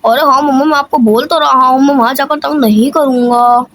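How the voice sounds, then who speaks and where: A woman's voice: high-pitched, steady tone, brisk, fairly bright tone, slight background noise. A woman voicing a mischievous little boy in a cartoon, pleading and making excuses. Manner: pleading, defensive. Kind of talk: cartoon voice-over.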